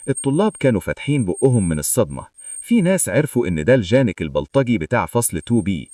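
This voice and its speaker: Fast, lively Egyptian man narrating. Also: medium pitch, no room sound, studio quality, far from the mic. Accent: Egyptian Arabic. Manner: lively, joking storyteller. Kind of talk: comic manga recap narration.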